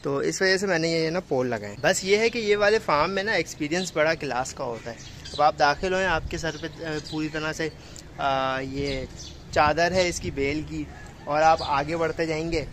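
A man's voice: a little high, normal speed, a bit bright, slight background noise. Chatty young man touring his farm. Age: young adult. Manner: chatty, talks fondly to his animals. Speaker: farm vlogger. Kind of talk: casual walk-through vlog. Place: outdoor rooftop animal farm with animals around. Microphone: phone camera held at arm's length.

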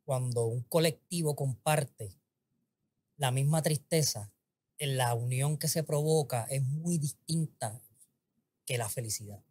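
A man's voice: medium pitch, unhurried, a little mellow, slightly rough. A man, a podcast guest, telling an emotional story and acting out his own inner voice.

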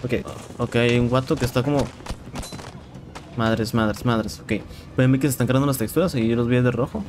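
A young man with a Mexican accent giving casual, excitable commentary while playing a shooter game, swearing and repeating words. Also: medium pitch, moderate pace. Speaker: gameplay streamer. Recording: game sounds and noise in background.

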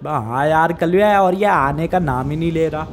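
A man doing a rough impatient buddy. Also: a little high, normal speed, a little hiss or hum, natural voice. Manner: rough, street-slangy, impatient.

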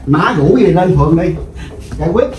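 A man's voice: a little high, animated, normal speed, over a noisy crowd, natural voice. A man playing a stern ward police officer who barks short, repeated orders. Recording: roomy sound, far from the mic, faint noise.

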